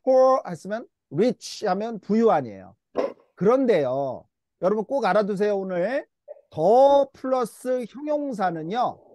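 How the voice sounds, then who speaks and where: A man with a high, animated voice leads a church English Bible lesson, drawing out words and having the class echo them back. His tone is patient and coaxing. The sound is close and dry, with no room echo. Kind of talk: church English lesson, call-and-response drills.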